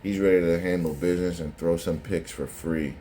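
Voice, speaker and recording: A man's voice: sits low, fairly even intonation, brisk, dark tone, a little hiss or hum. A man giving casual, conversational reaction commentary on sports footage, often repeating phrases for emphasis.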